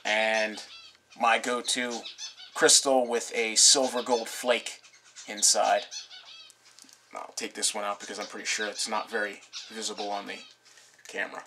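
A young man casually showing off his fishing tackle on his channel, talking in a relaxed, rambling way with lots of fillers. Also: on the low side, slight background noise. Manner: relaxed, rambling with many fillers, laughs softly. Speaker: fishing vlogger. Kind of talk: casual show-and-tell. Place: living room, seated on a couch indoors. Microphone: camera mic at close range.

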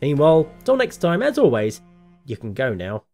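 A man's voice: fairly high pitch, wildly swooping pitch, moderate pace, a little mellow, soft background music. A man in his thirties hosting a gaming show, delivering scripted comic commentary in a wry, sardonic manner.

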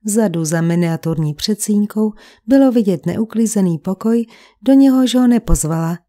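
Mellow-voiced woman reading an audiobook. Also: mid-range voice. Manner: calm, measured reading. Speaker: audiobook reader. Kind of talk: scripted audiobook narration.

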